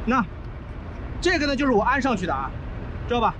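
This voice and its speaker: A body-worn action camera in an outdoor truck yard captures a middle-aged Chinese trucker vlogger giving casual, blunt how-to commentary on a truck repair, step by step and with plenty of swearing. His very high-pitched voice is very animated and a little fast, with background noise.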